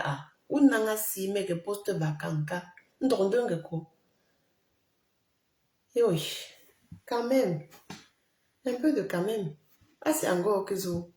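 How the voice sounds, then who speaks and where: A woman's voice: lowish voice, mellow, roomy sound. A woman hosting a casual live stream, chatting and putting questions to viewers. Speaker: livestream host. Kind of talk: casual live commentary, reading viewer comments.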